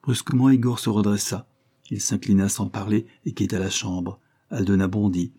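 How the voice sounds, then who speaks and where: A man narrating a classic novel as an audiobook in a steady, measured reading. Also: on the low side, slightly rough.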